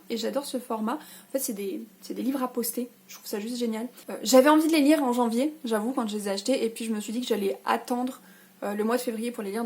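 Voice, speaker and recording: A woman's voice: a little high, a little mellow. A young woman chatting casually about her reading plans, hesitating often with fillers. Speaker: book vlogger. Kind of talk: casual reading-list vlog.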